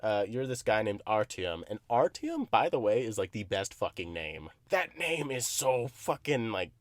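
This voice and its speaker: A young man co-hosting a casual podcast, his voice sitting on the low side. He swears freely and gets animated, laughing often as he talks. The recording is dry and close, with almost no room sound. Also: moderate pace, dry recording. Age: young adult. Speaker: podcast co-host. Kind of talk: casual chat.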